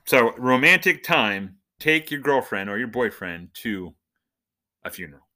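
Speaking at a medium pitch with lively intonation and a sharp tone, a somewhat slow-paced adult man jokes through a casual podcast monologue. He's a self-described nerd, a husband and father, and a church minister who hosts the show.

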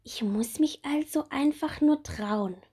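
A woman reads a storybook as a timid little bumblebee girl brimming with wondering questions. Her own voice is dark and unhurried, while the character comes out high, eager, and questioning, with a mood of eager wonder.

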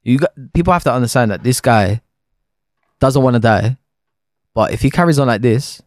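A man's voice: medium pitch, lively intonation, normal speed, dry recording, studio quality. A young man with a London roadman accent and slang, debating casually.

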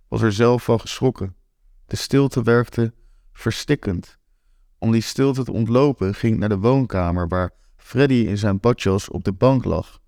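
A man's voice: on the low side, creaky, darkish tone, dry recording, studio quality. A man in his twenties reading a first-person story aloud, candid and wry. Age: 20s. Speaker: narrator.

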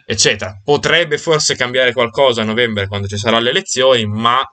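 A man's voice: mid-range voice, fairly quick, bright, forceful tone. A man leading a casual group discussion over a video call, thinking aloud with fillers and restarts.

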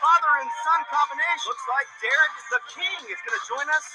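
A man hosting a wrestling show with energetic sports commentary. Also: extremely high pitch, brisk, rough recording. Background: music.

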